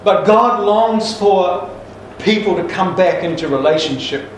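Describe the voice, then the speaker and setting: Man preacher, folksy and emphatic, higher pitch, distant mic in an echoey church hall. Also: a little slow, a little hiss or hum. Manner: folksy joke-telling with restarts, emphatic. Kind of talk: sermon with jokes.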